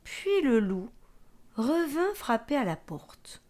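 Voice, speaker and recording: A woman teacher reading a fairy tale aloud, expressive and sometimes whispering for suspense. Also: high voice, slow. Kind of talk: storybook narration.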